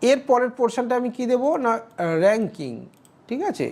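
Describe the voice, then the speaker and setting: Here the woman's voice sits on the high side, animated and a little fast, slightly mellow, with a bit of hiss or hum in the background. As the creator of this step-by-step screen tutorial, she instructs the viewer and repeatedly checks in with "okay?"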